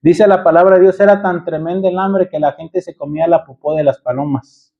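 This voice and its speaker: A man's voice: fairly high pitch, fairly even intonation, a little fast, vocal fry, phone-quality sound. A man with a Mexican accent preaching a sermon as pastor, firing rhetorical questions and addressing his congregation as brothers. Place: church.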